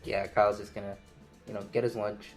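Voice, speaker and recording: Low-voiced man who stammers. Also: flat delivery, brisk, faint music behind. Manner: stammers with many repeated words. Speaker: player. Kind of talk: casual actual-play chat.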